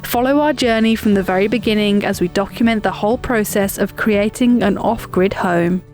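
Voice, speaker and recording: A woman's voice: mid-range voice, moderate pace, a little mellow, soft background music. A woman vlog host reading a scripted channel introduction.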